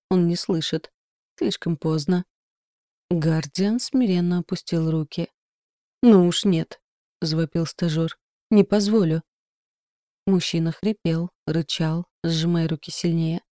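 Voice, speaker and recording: A woman narrating a dark story in a measured, dramatic reading. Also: fairly low pitch, fairly even intonation, no echo, clean studio sound. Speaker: audiobook narrator. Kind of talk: scripted narration.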